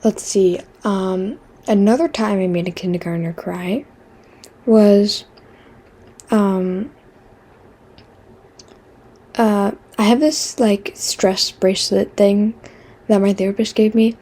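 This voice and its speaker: A woman vlogger telling a casual, meandering storytime while she draws, full of fillers and self-interruptions, with wry deadpan asides. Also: medium pitch, slow pace, pauses often, slightly rough.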